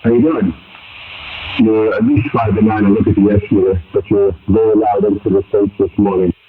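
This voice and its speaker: A man's voice: lowish voice, little pitch movement, normal speed. Man on a crackly ham radio link. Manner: chatty, reports his signal and gear. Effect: voice heard over a ham radio link. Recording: tinny radio signal with static.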